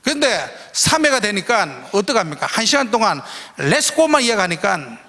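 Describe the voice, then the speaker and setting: A man preaching in a church, telling a story in an animated way and acting out his own shouts. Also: high voice, normal speed. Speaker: guest preacher. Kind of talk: storytelling sermon. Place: large church hall. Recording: echoey church hall.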